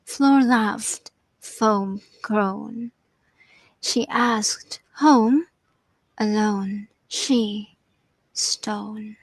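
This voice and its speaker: A young woman reads a poem aloud in a measured, expressive way. Her pace is unhurried, each line given weight. The sound is dry and close. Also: mid-range voice, no room sound. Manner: slow, deliberate, expressive reading. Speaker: poet and reader, voice dubbing artist. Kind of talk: poetry reading and casual chat.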